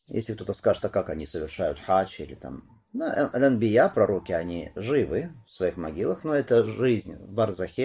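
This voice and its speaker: A man giving a religious lesson, reading Arabic phrases and explaining them in Russian, who rises and grows louder when retelling a narration. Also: low voice, breathy edge. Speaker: Islamic religious teacher. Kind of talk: religious lesson commenting on hadith and tafsir.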